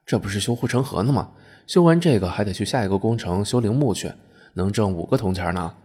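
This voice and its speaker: A gruff laborer in his forties in a comic audio story, voiced by a man talks in a coarse, blunt way. The voice sits fairly low with a husky roughness. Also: lively intonation, quick pace, dark tone. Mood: brusque.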